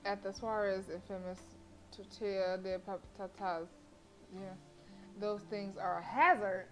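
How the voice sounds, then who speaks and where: A woman game streamer reads story text aloud with expression and drops in playful, casual asides. Her voice is mid-range, her tone steady and her pace measured. Faint game music plays behind her.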